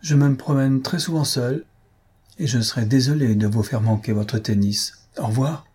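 A man reading aloud, voicing a gentle, quietly stubborn young countess with soft, reserved replies. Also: mid-range voice, moderate pace, slightly rough, natural voice.

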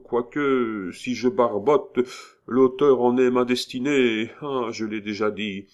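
A man's voice: medium pitch, slow pace, lo-fi sound, pitched above the performer's own voice, lightly acted. A man voicing a pompous, flustered male workshop orator who stumbles through a grand, emphatic speech.

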